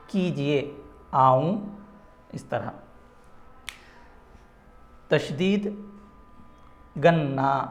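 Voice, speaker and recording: A man's voice: on the high side, darkish tone, roomy sound. A man teaching a phonetics lesson, patiently sounding out example words one at a time.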